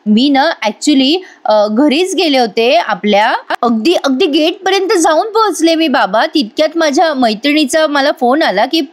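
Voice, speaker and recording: A woman putting on a young wife who tells sweet, pleading fibs. The voice is fairly high and sugary, close to the narrator's own voice. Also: expressive, normal speed, few pauses.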